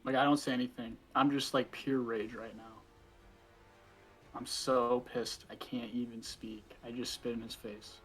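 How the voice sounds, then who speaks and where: Guy player in a tabletop game, loud and fired up. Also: mid-range voice, level tone, a little slow, low-quality recording. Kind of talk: in-character tabletop role-play.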